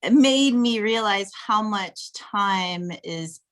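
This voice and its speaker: A lively woman in her thirties from Texas talks as a podcast guest. She is animated and playful, with frequent laughter running through her casual chat. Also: medium pitch, slow pace. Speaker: podcast guest, flirt coach.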